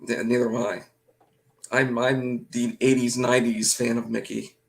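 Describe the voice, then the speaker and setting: An easygoing man with a gravelly, mid-pitched voice chats casually. He mostly agrees and hedges his opinions. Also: flat delivery, moderate pace. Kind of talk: casual chat.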